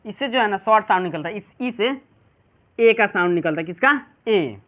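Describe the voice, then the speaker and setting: Over a tinny, phone-like recording, a male teacher with a Bihari Hindi accent teaches pronunciation to a class in a high, expressive voice at a moderate pace. He repeatedly poses questions to the students and supplies the answers himself.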